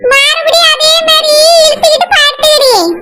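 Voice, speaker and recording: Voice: very high voice, steady tone, a little fast, heavy background noise. A performer voicing a sly old mother-in-law in a cartoon who fakes illness and talks in a weary, pleading way. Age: older.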